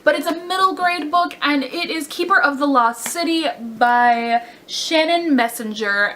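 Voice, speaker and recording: A woman's voice: fairly high pitch, sharp tone, slight background noise. A young woman chatting casually about her book haul, gushing and rambling with fillers and self-corrections. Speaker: book vlogger.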